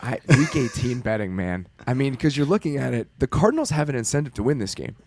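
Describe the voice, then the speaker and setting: Wry teasing podcast host. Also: male voice, medium pitch, sing-song, fast, darkish tone, no room sound. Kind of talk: casual podcast chat.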